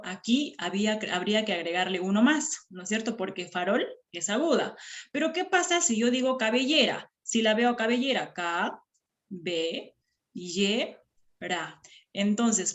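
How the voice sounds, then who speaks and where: A woman teacher giving a classroom lesson, patiently counting syllables aloud and checking in with students after each point. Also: medium pitch. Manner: patient, checks understanding with frequent "¿ya?". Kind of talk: classroom lesson on poetry metre.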